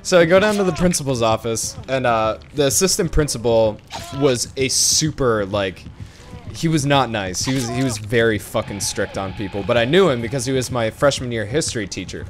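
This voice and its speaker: Young man, streamer, crude animated storytelling, headset chat. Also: medium pitch, a little fast, soft background music. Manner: animated storytelling, lots of swearing and laughing. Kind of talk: casual chat.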